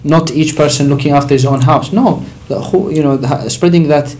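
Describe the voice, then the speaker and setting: An Iraqi sheikh appears as a studio guest on a religious call-in discussion, answering questions. His voice sits on the high side with a darkish tone and normal speed, and he explains emphatically, his emphasis rising on key points.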